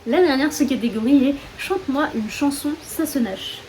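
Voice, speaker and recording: Chatty young French woman, high voice. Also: animated, normal speed, darkish tone. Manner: chatty, self-mocking, many fillers. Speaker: book vlogger. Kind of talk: casual chat. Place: room at home with open windows, storm outside. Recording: faint wind and rain noise. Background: wind and rain.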